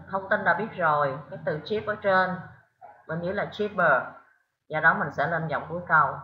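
A woman from Vietnam teaching an English lesson, patiently explaining step by step and mixing in English words. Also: on the low side. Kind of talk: recorded English lesson for pupils. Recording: roomy, dull lo-fi recording.

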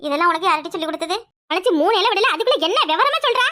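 Woman voicing a cartoon mother, scolding, Tirunelveli Tamil accent, very high voice, fast talk. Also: animated, bright, forceful tone, full character voice. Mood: berating. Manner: scolding, shrill and rapid. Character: scolding harried village mother. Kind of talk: cartoon voice acting.

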